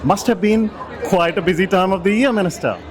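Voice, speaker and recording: A man's voice: sits high, fairly quick. A man interviewing guests at an awards event in a friendly, effusive manner. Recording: event with music and crowd chatter.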